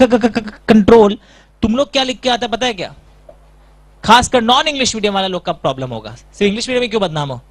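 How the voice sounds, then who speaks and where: High-voiced playful male teacher. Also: fairly bright tone, no echo. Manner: playful, mixes English into his teaching. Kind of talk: classroom lecture. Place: classroom.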